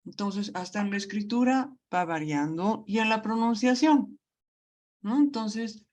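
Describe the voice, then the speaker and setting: A woman teaching a grammar lesson, explaining patiently and often checking that the class follows. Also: mid-range voice. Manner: slow, patient explaining with frequent check-ins.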